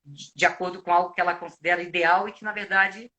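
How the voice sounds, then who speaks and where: Bright-voiced Brazilian actor giving advice. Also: male voice, sits high, fairly even intonation, fast, highs cut off. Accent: Brazilian Portuguese. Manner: reflective, explanatory, many filler restarts. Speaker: actor and acting coach. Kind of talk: live video chat, giving advice. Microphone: video call.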